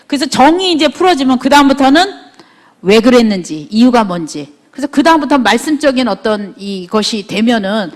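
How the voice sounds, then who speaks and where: Middle-aged woman giving a conversational lecture. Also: fairly high pitch. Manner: conversational, asks the audience frequent rhetorical questions.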